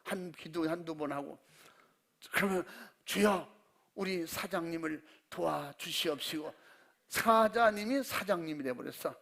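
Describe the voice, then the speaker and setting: Male pastor in church, high-ish gravelly voice, folksy funny stories, does hushed prayer voices. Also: moderate pace. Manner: folksy and humorous. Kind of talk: Wednesday evening sermon.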